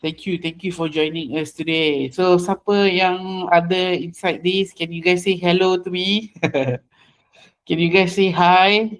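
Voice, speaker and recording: A man with a high voice and a Malaysian accent hosts a webinar over an online video call, greeting participants in casual chat. He switches between English and Malay and frequently repeats phrases, speaking at a measured pace with fairly even intonation.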